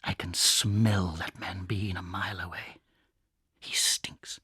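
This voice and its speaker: An actor playing a resourceful, tender, sly father fox in an audiobook drama, expressive and breathy. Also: deep voice, slow pace, dry recording, studio quality, exaggerated voice. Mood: weary, wary. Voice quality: husky, breathy. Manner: expressive, reassuring. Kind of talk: audiobook radio-play acting.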